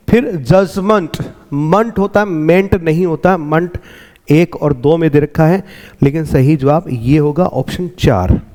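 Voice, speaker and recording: A man going through exam answers as a teacher, slowly explaining and repeating words to drill pronunciation. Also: fairly high pitch, warm tone, long reverb tail. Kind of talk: exam answer walkthrough lesson.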